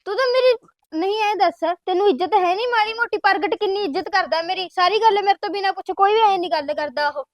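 A woman plays a bossy, sharp-tongued elder sister with a Punjabi accent, scolding fast in a very high voice. The sound is dry and close, as in a family web drama. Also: no echo. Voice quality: scolding, quick-tempered.

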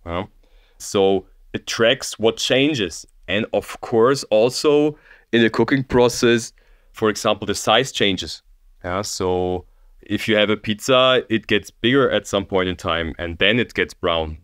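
Man, lowish voice, dry close sound, patient technical explainer, faint music. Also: unhurried, a bit bright, clear, resonant tone, dry recording. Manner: explanatory, uses fillers like "yeah?". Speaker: engineer guest. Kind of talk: interview.

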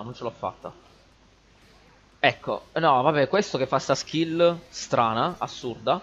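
A man giving excitable, swear-laden gameplay commentary and chatting to his viewers as a gaming channel host. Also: mid-range voice, muffled recording, a little hiss or hum.

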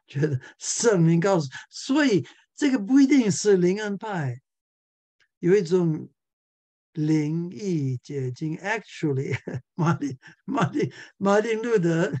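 A man's voice: sits high, lively intonation, slow pace, darkish tone, no room sound. A male pastor giving a church Bible class lecture, chuckling often and repeating words as he searches for the next one.

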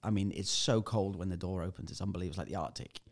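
A man's voice: low voice, rapid-fire. A man, a podcast guest, telling a vivid anecdote in casual chat and swearing freely. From United Kingdom.

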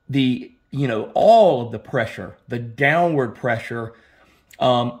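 With a gravelly, mid-range voice, a man rambles through a step-by-step car repair in his home garage. This casual how-to is full of restarts and "you know" fillers.

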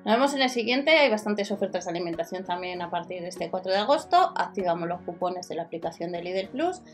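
Woman briskly reading out shop deals. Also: on the low side, expressive, soft background music. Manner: brisk listing of prices with small fillers. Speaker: deals channel host. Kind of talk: voice-over product roundup.

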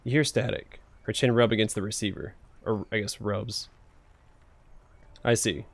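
A man's voice: on the low side, fairly even intonation, moderate pace, gravelly, no echo. A man reading video game dialogue and narration aloud in a casual, tentative manner. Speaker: let's player reading the game's dialogue aloud.

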